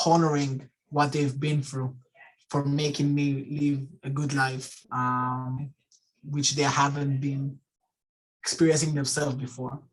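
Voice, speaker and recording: A young man from Israel whose first language is Russian, speaking haltingly with many fillers on a video call as a guest speaker. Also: mid-range voice, poor audio. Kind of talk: casual talk and Q&A.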